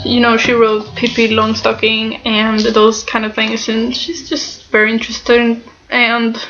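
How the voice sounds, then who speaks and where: A woman chats casually and haltingly about her things, sounding nasal and stuffed up, as if with a broken nose. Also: a little high, a bit bright, slight background noise. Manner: halting, often breaking into small laughs. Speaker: book vlogger. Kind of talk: casual chatty book haul. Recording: slightly dull, lo-fi sound.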